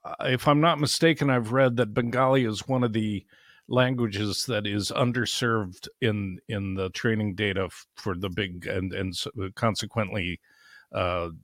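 A man hosting a podcast, introducing the episode and asking questions in a measured, steady way. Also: lowish voice, dry recording, clean studio sound. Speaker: podcast host. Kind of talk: host intro and read sponsor ad, then interview questions.

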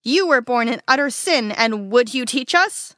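A woman's voice: on the high side, big pitch swings, moderate pace, fairly bright tone, dry recording, studio quality. A woman reading as stern accusing elders. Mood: angry. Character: stern, suspicious religious leaders, grown men. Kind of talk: storybook character reading.

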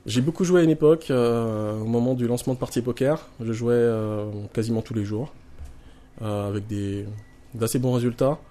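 A poker player appears as an interview guest, talking casually with dry, tongue-in-cheek humour and a Marseille French accent. His voice is medium-pitched and mellow, at a normal speed.

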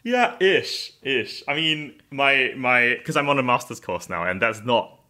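A young man chats as a podcast guest, often breaking into laughter at his own expense. His voice is bright and clear, at an ordinary middle pitch. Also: expressive, unhurried. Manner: laughs often, self-deprecating. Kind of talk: casual podcast chat.

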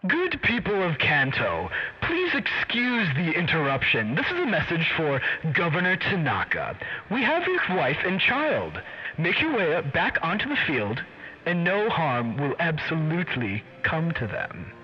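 A calm, menacing male villain, put on by a game master, makes a smooth public threat whose loud voice echoes across a stadium through its speakers. The voice sits high and stays eerily polite. The sound is muffled and lo-fi. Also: unhurried, full character voice. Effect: loud voice echoing over stadium speakers. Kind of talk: game master voicing a character in a tabletop game.

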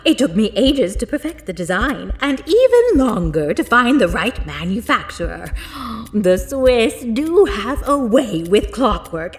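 A woman host making a playfully dramatic announcement for a break in the show. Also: a little high.

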